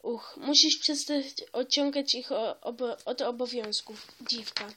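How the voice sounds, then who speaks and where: A cold, contemptuous mother snaps and scolds in a storybook reading, voiced by a woman. Her voice sits high and bright, sharp with scorn. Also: measured pace, slight background noise. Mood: scornful. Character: harsh scornful cave-dwelling mother.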